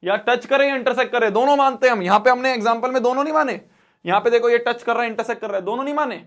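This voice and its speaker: High-pitched man scolding a live math class. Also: racing. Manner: repetitive, scolding, pleading with students. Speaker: math teacher.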